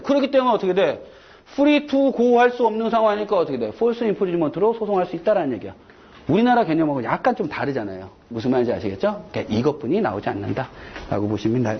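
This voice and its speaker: A man's voice: sits high, breathy edge. A man giving a chatty classroom law lecture, digressing and checking in with his students. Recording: dull lo-fi lecture recording.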